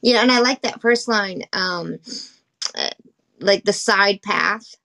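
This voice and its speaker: A woman in a casual spiritual chat, hoarse from allergies, with a husky smoker-like voice and animated storytelling. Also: mid-range voice, slow pace. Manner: animated storytelling, acts out quotes. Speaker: guest co-host.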